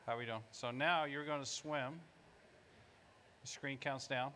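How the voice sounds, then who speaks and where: On stage in a large indoor conference hall, a man in his fifties presents an informal live product demo, pitching to the audience in short phrases. His medium-pitched voice is bright and forceful, measured in pace with fairly even intonation, and there's slight background noise.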